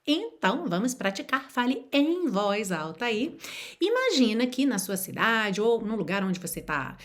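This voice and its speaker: With a very animated, fairly high voice, a Brazilian language teacher from Rio de Janeiro encourages the viewer directly during an online lesson. She models every example phrase slowly and follows it with a repetition.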